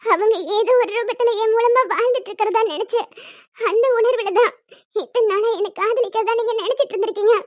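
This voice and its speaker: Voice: very high-pitched, brisk, no echo. A performer voicing a hurt, angry young pregnant wife in a homemade cartoon, talking bitterly and reproachfully. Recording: dry, dull lo-fi sound.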